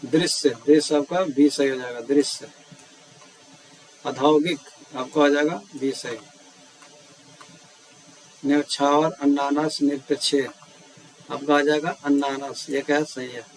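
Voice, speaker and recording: Unhurried and taking long pauses, a man with a slightly high voice and fairly even intonation reads through a spelling quiz, giving each word with its answer options and repeating it as he teaches grammar. The recording is low quality, with faint hiss.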